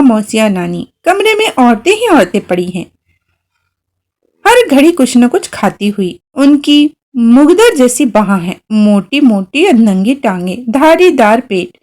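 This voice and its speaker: Woman narrator, high and lively; expressive storybook reading in a girl's first-person voice. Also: unhurried.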